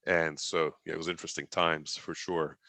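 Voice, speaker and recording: A man in his forties from Turkey, Turkish-speaking from birth, appears as a guest in a laid-back interview, recounting his life in a rambling way full of restarts. His very deep voice stays level and bright with a forceful edge, at a moderate pace, and the room is silent.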